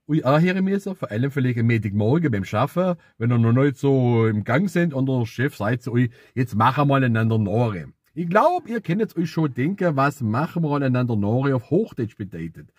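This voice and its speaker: A man with a Swabian accent giving a casual, humorous dialect lesson, speaking in a playful, expressive, chatty manner. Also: mid-range voice, fairly quick, few pauses, husky, no room sound, studio quality. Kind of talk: casual comedic explainer to camera.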